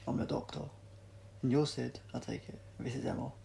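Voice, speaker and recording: Audiobook role: brisk male space-travelling doctor, cheeky and probing, mid-pitched with heavy fry, done by a male reader. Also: flat delivery, very noisy. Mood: breezy, cheeky. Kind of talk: audiobook character dialogue.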